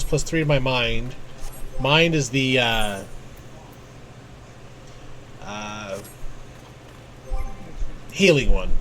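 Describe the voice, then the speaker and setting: Over video game music, a man streams his gameplay with relaxed live commentary, thinking aloud in fragments and reading on-screen text. His voice is medium-pitched and fairly bright, and the low-quality recording carries slight background noise.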